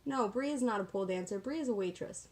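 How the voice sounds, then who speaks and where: A woman's voice: mid-range voice, fast, darkish tone. A woman giving a casual, chatty get-ready-with-me makeup tutorial, talking in a sassy, slangy, self-deprecating way. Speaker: makeup vlogger.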